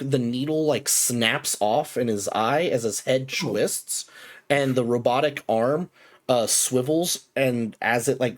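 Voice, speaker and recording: A game master narrating a tabletop game casually, with lots of fillers and restarts. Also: medium pitch.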